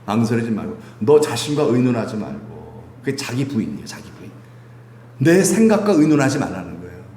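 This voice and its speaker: A man's voice: medium pitch, sing-song, brisk, dark tone, slight background noise. A man preaching a Sunday sermon as pastor, asking the congregation questions and chuckling often. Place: church sanctuary. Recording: echoey church sanctuary.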